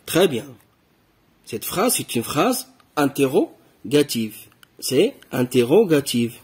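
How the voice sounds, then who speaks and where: A man's voice: mid-range voice, big pitch swings, takes it slowly, husky. A man teaching a French grammar lesson to primary pupils, patiently repeating key words and asking questions.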